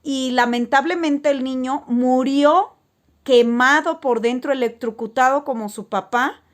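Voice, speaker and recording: Rambling woman, higher voice. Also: a little slow. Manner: rambling, frequent filler words and restarts. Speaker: spiritual vlogger. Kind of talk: casual storytelling to camera.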